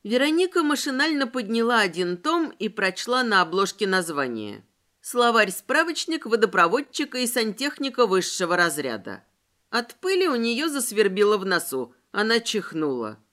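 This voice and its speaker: A woman narrates a storybook with an animated, expressive delivery. Her pitch moves a lot across the lines. The voice is bright and clear-edged. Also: normal speed. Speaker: audiobook narrator.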